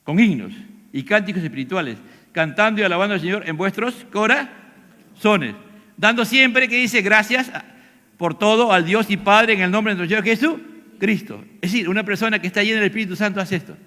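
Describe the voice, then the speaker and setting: High-voiced older Peruvian pastor preaching. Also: male voice, brisk. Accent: Peruvian Spanish. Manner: expressive, acts out quoted lines, asks the congregation questions. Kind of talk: sermon. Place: church hall. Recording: echoey church hall.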